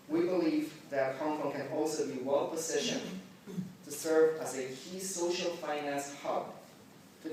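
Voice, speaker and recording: A man raised in the Philippines gives measured welcome remarks as the organizer of a forum in a large conference hall, correcting himself now and then. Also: medium pitch, a little mellow, a little hiss or hum. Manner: measured, deliberate delivery with occasional slips. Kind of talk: formal prepared speech. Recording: echoey hall, mic at a distance.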